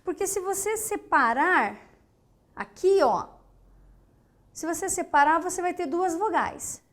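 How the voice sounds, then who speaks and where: A woman's voice: very high-pitched, lively intonation, a little slow. A woman from Brazil teaching an online grammar lesson, explaining step by step, asking rhetorical questions and checking understanding with short tags, and voicing the speech sounds aloud as examples.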